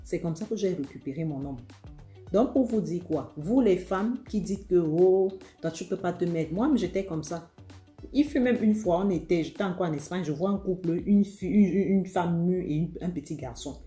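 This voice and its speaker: Warm low-voiced woman telling stories. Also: moderate pace, echoey room, soft background music. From Africa. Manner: animated, acts out dialogue, addresses viewers directly. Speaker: vlogger giving relationship advice. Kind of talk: casual confiding storytelling.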